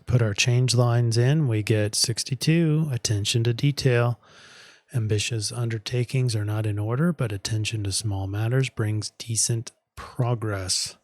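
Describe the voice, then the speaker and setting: Guy reading an astrology forecast real slow, kinda losing his voice, dry close sound. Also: medium pitch, steady tone, no echo. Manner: slow, measured delivery with deliberate pauses. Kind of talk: weekly forecast monologue.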